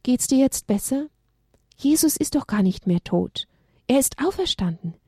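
A woman's voice: high-pitched, expressive, moderate pace, warm tone, breathy edge, no room sound, clean studio sound, pitched above the performer's own voice. A woman voicing a caring female animal in a children's story, coaxing and eager.

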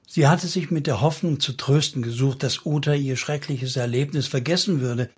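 A man narrating a solemn story in steady, scripted audiobook style. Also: medium pitch, normal speed, husky.

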